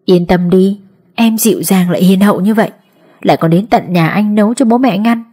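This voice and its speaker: A woman's voice: mid-range voice, brisk, dark tone, breathy edge, natural voice. A woman doing a teasing, offhand young man. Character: young man, teasing boyfriend, lazy joker. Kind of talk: audiobook character voice.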